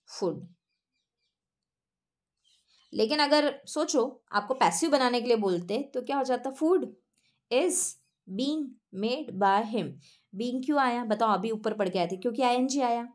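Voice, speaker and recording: A woman, teaching an English grammar lesson and answering her own questions. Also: a little high. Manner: asks questions then answers them herself; reads English sentences slowly and clearly.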